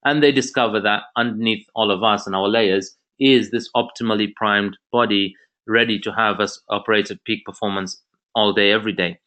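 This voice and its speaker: A man's voice: on the low side, steady tone, brisk, pushed and bright. A man from Zambia giving an earnest motivational presentation on a video call, talking in long, flowing sentences. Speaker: presenter of an online info session.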